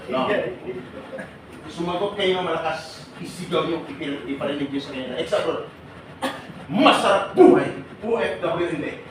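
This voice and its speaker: Fast-talking joking man in echoey hall. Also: a little high. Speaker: seminar speaker for departing workers. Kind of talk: lively seminar talk to a crowd. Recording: echoey noisy hall from far off. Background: loud room noise.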